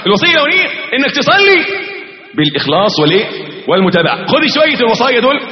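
A man's voice: very high voice, big pitch swings, racing. A man with an Egyptian accent preaching a sermon, firing rhetorical questions and acting out both sides of imagined dialogues. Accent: Egyptian Arabic. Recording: echoey hall, dull lo-fi sound.

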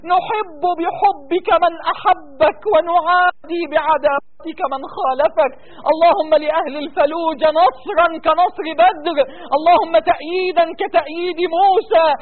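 A prayer leader chanting a tearful supplication, pleading in repeated calls, voice breaking into crying. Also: extremely high pitch. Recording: tinny phone-like recording.

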